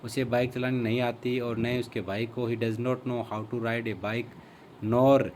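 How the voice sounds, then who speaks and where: A man with an Indian accent teaching spoken English. He reads a Hindi sentence quickly, then gives the English translation slowly and deliberately. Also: mid-range voice, little pitch movement, darkish tone, slight background noise.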